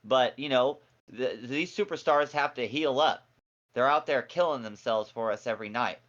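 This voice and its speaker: A man in his forties co-hosting a casual wrestling review, excitable and jokey with a lot of slang. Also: mid-range voice, normal speed, lo-fi sound. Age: 40s. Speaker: co-host.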